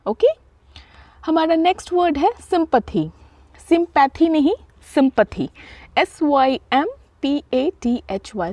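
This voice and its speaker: A high-pitched woman with an Indian accent teaching vocabulary at an unhurried pace. She spells each word out letter by letter and reads the English definitions slowly, in a dry, close recording. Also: warm tone, dry recording, muffled recording. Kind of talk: explaining word meanings.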